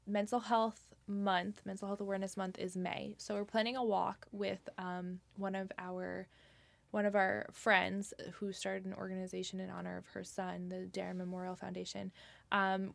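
A woman's voice: mid-range voice, gravelly, dry recording. A young woman, chatting casually as a guest about community events, full of fillers and "like". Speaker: guest, nonprofit organizer. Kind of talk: casual interview talk.

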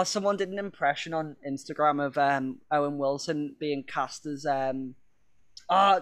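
Guy podcast chat, kinda high voice, rambly, swears a bit, laughs a lot. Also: fairly bright tone. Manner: chatty, rambling, swears casually, laughs often. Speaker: podcast co-host. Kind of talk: casual chat.

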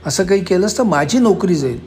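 A man's voice: sits high, expressive, brisk, a little mellow, slight background noise. A man voicing a flustered middle-aged male manager who talks agitated and insistent.

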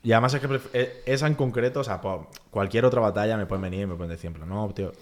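A man, chatting casually as a podcast guest in an animated, filler-heavy way. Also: on the low side. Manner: animated, talks fast with lots of filler phrases. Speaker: guest, freestyle rapper.

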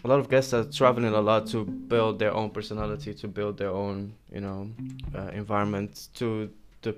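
A male podcast host with a low voice that stays very flat. He asks his questions hesitantly, full of fillers, over background music. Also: moderate pace. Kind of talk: casual interview questions.

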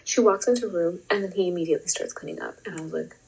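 A young woman chatting casually as a vlog host, animated and giggly with lots of fillers. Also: on the low side, rapid-fire, gravelly, slightly rough, poor audio. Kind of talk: casual chat.

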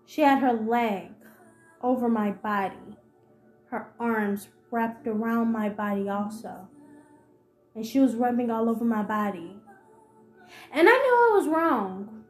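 A woman with a high voice tells a painful personal story, her delivery emotional and halting as she repeats herself. She sounds like she is in a roomy, echoing space, with soft music playing underneath. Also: expressive. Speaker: podcast host. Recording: roomy echo with faint music.

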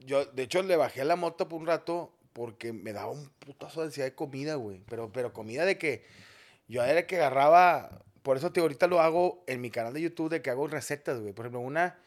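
A man, a podcast guest joking in loud, slangy banter. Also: mid-range voice, fast talker. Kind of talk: casual chat.

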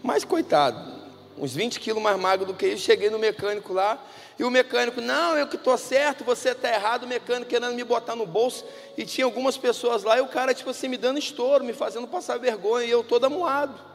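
A man preaching a sermon in a church, telling stories conversationally and swinging between hushed and loud delivery. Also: very high-pitched, quick pace. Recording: reverberant hall with music.

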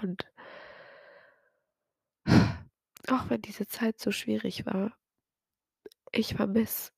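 A young woman hosting a podcast, talking softly and partly whispering late at night, teary and hesitant with a dry throat. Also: mid-range voice, fairly even intonation, very slow, creaky, husky, no room sound. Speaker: podcast host. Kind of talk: personal late-night confessional monologue.

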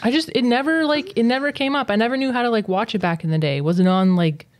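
A young woman co-hosting a podcast, chatting casually and teasing her friend with quick questions. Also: on the high side. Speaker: podcast co-host. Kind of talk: casual chat.

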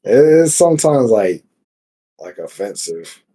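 A man's voice: lowish voice, sing-song, unhurried, warm tone, breathy edge. A man as a podcast guest, chatting casually in a laid-back way and often agreeing. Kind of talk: casual chat.

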